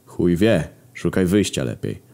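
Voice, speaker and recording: A man's voice: deep voice, sing-song, unhurried, creaky, warm tone, exaggerated voice. Man doing a crude, blunt male Famine. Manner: curt, foul-mouthed.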